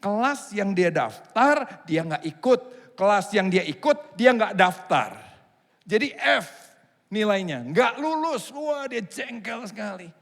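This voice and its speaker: Animated preaching man in a reverberant hall. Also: sits high, slow, gravelly. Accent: Indonesian. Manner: animated preaching, voicing God and a complaining husband. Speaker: pastor. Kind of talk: sermon. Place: church hall. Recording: long church hall reverb.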